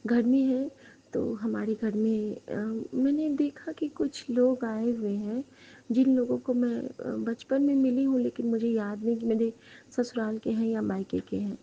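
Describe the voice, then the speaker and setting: Gravelly, mellow-voiced devout woman. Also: fairly high pitch, steady tone, a little slow. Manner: earnest and devout, addresses listeners directly. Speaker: devotee sharing a dream with the congregation. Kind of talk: spoken testimony, retelling a dream. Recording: dull lo-fi recording with faint noise.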